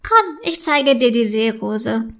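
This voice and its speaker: A woman voicing a tiny, eager mermaid child with a high, squeaky voice in a storybook reading. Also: expressive, slow. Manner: eager and friendly.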